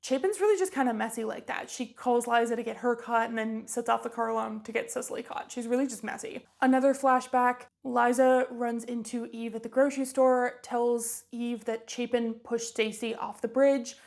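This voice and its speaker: Woman vlogger recapping a movie, chatty, creaky voice, pretty flat. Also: a little high, moderate pace, hardly any pauses. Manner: chatty and offhand.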